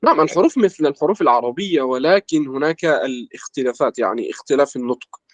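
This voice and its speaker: A young man from Egypt, a language student in an interview, explaining at a measured pace with lots of filler words. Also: medium pitch, expressive, dry recording. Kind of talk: casual conversation in formal Arabic.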